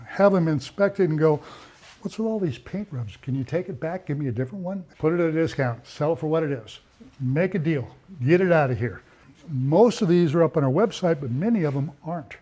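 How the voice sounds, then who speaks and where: A man's voice: on the high side, a little mellow. A man giving a casual, enthusiastic sales walk-through of safes in a showroom, chatting as he goes. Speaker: safe dealer.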